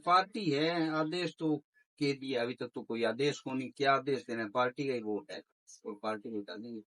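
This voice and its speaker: A farmer, answering a reporter firmly and plainly. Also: male voice, mid-range voice, moderate pace, fairly bright tone, rough recording. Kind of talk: street interview.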